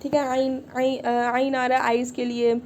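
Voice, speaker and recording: A woman leads an online Arabic class. Her voice sits high but has a soft, mellow color. She explains patiently and keeps checking in with her students. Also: level tone, moderate pace, slight background noise. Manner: patient, repeats "ठीक है" often. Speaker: Arabic teacher.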